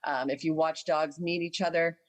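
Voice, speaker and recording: A woman, a dog trainer, explaining calmly and patiently in a casual chat, with filler ums. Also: deep voice, normal speed, rough recording. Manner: patient, instructive, with acted dog voices.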